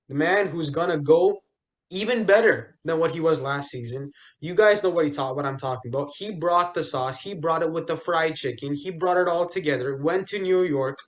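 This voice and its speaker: A young man co-hosting a casual sports podcast, talking loosely with lots of fillers, restarts and jokey asides. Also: on the high side. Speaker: podcast co-host.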